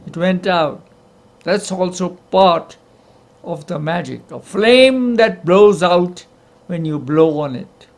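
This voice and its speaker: An older man in his seventies giving theatrical, whimsical party-magician patter like a showman, with deliberate, drawn-out phrases. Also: sits high. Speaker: magician presenting a magic show. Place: cluttered room at home. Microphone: webcam at arm's length.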